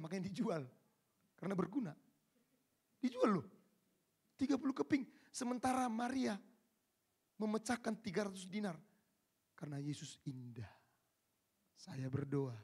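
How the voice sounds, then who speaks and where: A male pastor delivers a sermon with a fairly high voice. He talks straight to the congregation, dropping to near-whispers before rising to loud, shouted peaks. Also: husky. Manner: swings from quiet asides to shouted climaxes; addresses the congregation directly. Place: church service.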